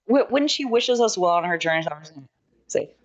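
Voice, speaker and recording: Joking tabletop player, mid-pitch, dullish mic. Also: very animated, a little fast, lo-fi sound. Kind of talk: tabletop game chat.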